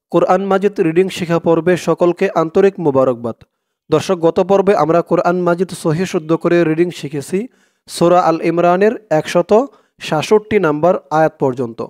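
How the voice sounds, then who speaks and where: High, clear-voiced Quran reading teacher. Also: male voice, darkish tone. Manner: explains letter by letter, then chants Arabic slowly and melodically.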